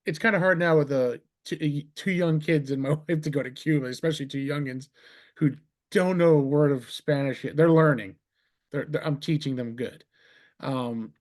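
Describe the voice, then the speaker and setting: Chatty New Jersey-raised male host. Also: medium pitch. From New Jersey, USA. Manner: enthusiastic, rambling, quick asides. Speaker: podcast host. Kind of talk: casual interview chat.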